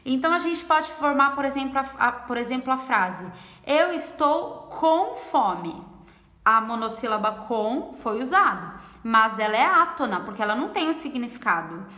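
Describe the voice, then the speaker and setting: A woman teaching a grammar lesson in a high, lively voice that rises and falls a lot. She draws out example words slowly and checks with her listeners as she goes. The room is echoey, with a long reverb. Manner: slow, drawn-out pronunciation of example words; explains patiently and checks understanding with questions. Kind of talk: Portuguese language lesson.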